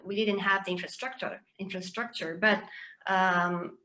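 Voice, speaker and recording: A woman's voice: mid-range voice, steady tone, normal speed, bright, forceful tone. A woman from Chile, a journalist guesting on a podcast, talking in a hesitant way with many fillers and restarts. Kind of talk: podcast conversation.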